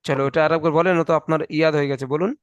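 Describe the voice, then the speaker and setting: A man with a fairly high voice tutors a student over a video call, patiently drilling Arabic letters and asking questions back. His speech sounds close and dry, with no room echo. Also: fairly even intonation, racing, lo-fi sound. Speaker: Quran recitation teacher. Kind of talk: online one-on-one tutoring.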